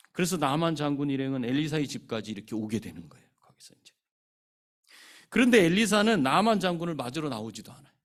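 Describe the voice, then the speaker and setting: A male pastor giving a sermon, asking the congregation questions and acting out the scripture figures. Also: medium pitch. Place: church sanctuary.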